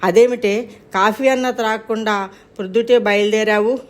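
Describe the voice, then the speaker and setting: A woman's voice: fairly high pitch, steady tone, moderate pace, natural voice. A woman voicing an anxious middle-aged mother who frets and exclaims in a storybook reading. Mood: fussing. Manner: fretful, exclaiming.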